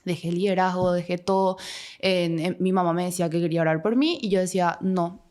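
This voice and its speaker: A woman's voice: lowish voice, steady tone, a little mellow, smooth. A young woman, telling her own story as a podcast guest and acting out the voices in it. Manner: fast, emotional retelling, acts out her own past voice. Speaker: guest sharing testimony. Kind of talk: personal story in a podcast conversation.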